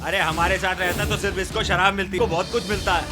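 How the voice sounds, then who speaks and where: An actor dubbing a young street thug in a film, mocking and provoking. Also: male voice, high voice, fairly even intonation, fast talker, natural voice. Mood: taunting. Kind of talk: Hindi film dub acting. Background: film score music.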